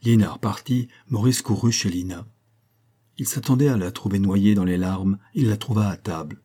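Audiobook narrator: man, low dark voice, measured reading. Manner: measured, literary. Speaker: audiobook reader. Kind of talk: scripted narration.

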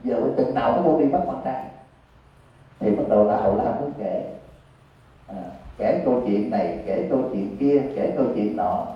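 A Buddhist monk with a Southern Vietnamese accent, giving a sermon in a folksy, conversational storytelling manner. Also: male voice, mid-range voice, normal speed. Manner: folksy, conversational, acts out characters. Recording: echoey hall, far from mic, dull lo-fi.

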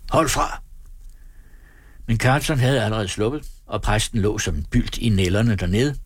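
A man narrating an audiobook in a steady storytelling read. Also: fairly low pitch, no echo. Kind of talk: scripted narration.

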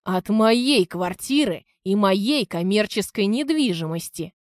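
A woman's voice: mid-range voice, lively intonation, unhurried, dry recording, clean studio sound, natural voice. A woman reading an audiobook, voicing an angry adult son who roars threats. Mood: furious. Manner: roaring threats.

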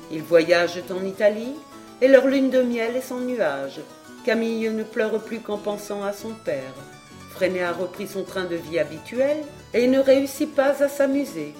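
A woman narrating a novel in a steady, measured way. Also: fairly high pitch. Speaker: audiobook narrator.

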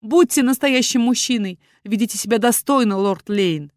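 A woman's voice: mid-range voice, normal speed, a little mellow, no room sound, close to an everyday voice. A woman voicing a proud young woman who angrily defends her parents before a dragon lord, in a dry audiobook reading. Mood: furious. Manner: indignant, proud, raised voice.

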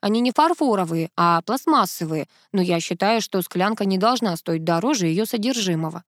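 A woman reading the part of a self-assured businesswoman and mother in an audiobook, with a brisk, matter-of-fact delivery. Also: mid-range voice, animated, no room sound, studio quality, natural voice. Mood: brisk, proud.

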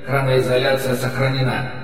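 A man's voice: medium pitch, monotone, moderate pace. A man voicing a cold machine base guard that reports formally in clipped phrases, heard as an echoing, distant comms-channel voice. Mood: flat report. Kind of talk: audiobook narration. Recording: echoey hall-like effect, distant, faint music.

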